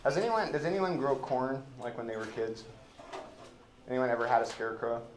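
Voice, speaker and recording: With an animated, mid-range voice, an American man guides a casual classroom discussion of a play, joking and rambling in halting, colloquial speech as he figures it out. Background hiss and a roomy echo come from the indoor classroom.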